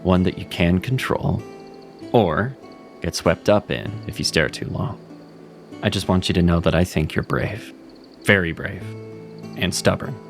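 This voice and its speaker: A voice actor with a low voice plays Seraphin, a wry cat mentor, in an audio drama with music underneath. He speaks a little slowly with long pauses, sounding steady, reassuring and self-critical.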